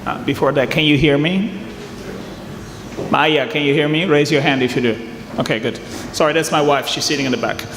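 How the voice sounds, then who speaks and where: A middle-aged guy from southern Italy, a venture capital investor on a conference panel, speaks in a somewhat high voice at a brisk pace. He's chatty and jokes with the audience in this fireside chat. The big conference hall is echoey, with faint ambience and background noise.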